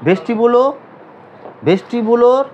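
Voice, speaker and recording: In a dull, lo-fi recording with slight hiss or hum, a man from Bangladesh teaches anatomy as a physiotherapy instructor. His voice is very high and moves at a moderate pace. He quizzes the class by making students repeat terms back, drilling them with the same questions again and again.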